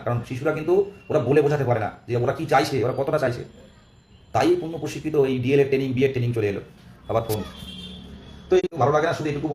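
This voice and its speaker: A young man with a West Bengali accent and a hoarse, worn-out voice, making an earnest, urging live-stream appeal to followers. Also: on the high side, darkish tone. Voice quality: hoarse, strained voice. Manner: urging, repetitive, earnest pleading. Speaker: activist leader among job-seeking teacher candidates. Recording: echoey, faint background noise.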